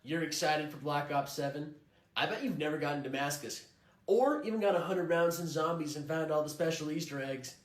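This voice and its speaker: A man's voice: fairly high pitch, a little fast, roomy sound, natural voice. A man playing a condescending male gamer customer, muttering and patronizing. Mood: smug.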